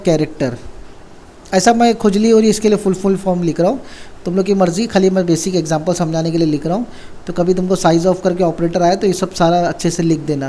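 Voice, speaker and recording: This programming tutor has a high-pitched voice with a dark tone. His coding lesson is relaxed, and he often asks himself questions, answers them, and says the important terms again.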